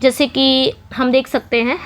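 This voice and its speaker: A woman, teaching an English exam-prep lesson in mixed with English terms, reading English questions slowly and asking and answering her own questions. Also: sits high, little pitch movement, a bit bright.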